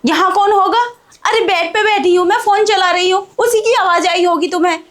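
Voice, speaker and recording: A woman's voice: sits high, steady tone, normal speed, dark tone, close to an everyday voice. A woman playing an anxious young married woman behind on rent, who sounds worried, hesitant and defensive, in an amateur drama skit.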